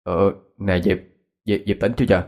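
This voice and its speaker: A man's voice: deep voice, flat delivery, fairly quick, darkish tone, lightly acted. A man doing a scared, chatty teenage schoolgirl. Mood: nervous.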